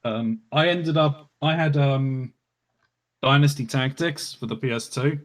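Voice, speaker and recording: A man's voice: medium pitch, a little slow. A man chatting casually on a stream about old games, hesitant and full of "um"s. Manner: hesitant, many "um"s. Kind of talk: casual gaming chat.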